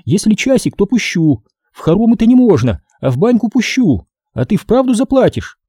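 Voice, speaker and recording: A man's voice: high voice, very animated, moderate pace, dark tone, slightly rough, dry recording, studio quality, pitched above the performer's own voice, full character voice. A man voicing a stout, wary rural woman who talks in folksy village speech, scolding and fussing.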